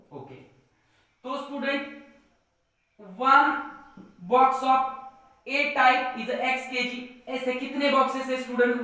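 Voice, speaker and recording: Teacher voice: man, high and bright, slow board-work explanation, echoey room. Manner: slow, repeats words while writing, keeps saying "student". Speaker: math teacher. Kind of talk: board-work math lesson.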